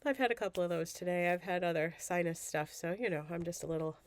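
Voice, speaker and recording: A woman's voice: lowish voice, fast, no room sound. A woman hosting a casual crafting livestream while groggy and sick with a cold, chatty and rambling. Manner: rambling, chatty, self-deprecating.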